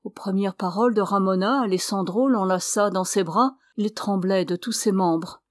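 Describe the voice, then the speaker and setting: A woman reading a novel aloud as an audiobook narrator, measured and even. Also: medium pitch, no echo, studio quality. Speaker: audiobook reader.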